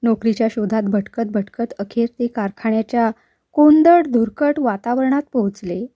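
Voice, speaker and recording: Storybook: gentle, halting young wife, voiced by a woman, high, dry sound. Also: dry recording, lightly acted. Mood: wistful. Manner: soft, halting, reminiscent. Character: young wife, grieving and wistful.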